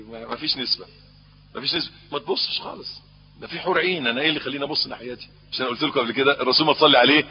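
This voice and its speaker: A man with an Egyptian accent preaching an Islamic sermon, putting questions to his listeners and swinging between emphatic peaks and low, quiet passages. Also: a little hiss or hum. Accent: Egyptian Arabic. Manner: lively, rising to emphatic peaks, then dropping low; asks the audience questions. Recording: husky voice, long hall reverb, dull lo-fi sound.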